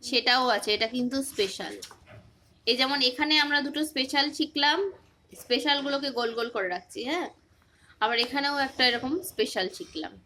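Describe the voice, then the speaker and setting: A woman with a high, bright voice leads a relaxed phonics lesson. She keeps asking short quiz questions and repeats the answers patiently. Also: fairly quick, a little hiss or hum. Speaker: teacher.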